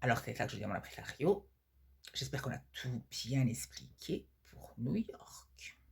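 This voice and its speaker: A woman playing a vain, flirty blonde Parisian cabaret star who confides gossip coyly in a theatrical comic sketch monologue, her voice husky. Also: very deep voice, sing-song, whispered, voice pushed down, exaggerated voice. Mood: coy, gossipy. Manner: coy, confiding, theatrical drawn-out words.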